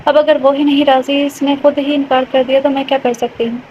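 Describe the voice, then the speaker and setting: A woman's voice: high-pitched, flat delivery, lightly acted. A woman voicing a middle-aged aunt who answers in a careless, offhand way in a storybook reading. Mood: dismissive. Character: older aunt, dismissive and unbothered. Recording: dull lo-fi with faint hiss.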